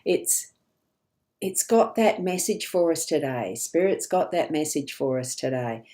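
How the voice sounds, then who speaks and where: Chatty female psychic host, low warm voice, rambling live card reading. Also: expressive, measured pace. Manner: chatty, laughing, rambling asides. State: hiccups.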